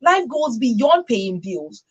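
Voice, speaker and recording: The audio is dull, and the woman's voice is husky and on the high side, with a sing-song lilt and a slow pace. She hosts a radio discussion, speaking emphatically, repeating phrases for effect and asking "right?"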